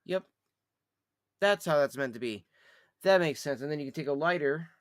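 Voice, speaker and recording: A man's voice: a little high, expressive, moderate pace, dry recording. A man chatting casually and thinking aloud as he hosts a live review, in a loose, slangy way. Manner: slangy, addresses listener as dude or by name. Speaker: host of a pipe tobacco review show.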